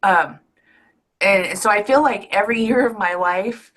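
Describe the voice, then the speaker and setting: A woman's voice: mid-range voice, unhurried, fairly bright tone. Woman, forties, podcast host, easygoing and reflective, mid-range voice. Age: 30s or 40s. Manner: reflective, loose, sprinkles fillers and mild swearing. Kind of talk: casual interview chat.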